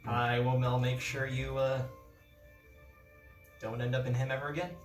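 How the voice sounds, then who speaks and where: A man playing a tabletop game, improvising in character in a halting, hesitant way. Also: medium pitch, flat delivery. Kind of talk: improvised role-play chat. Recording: echoey room, distant mic, music behind.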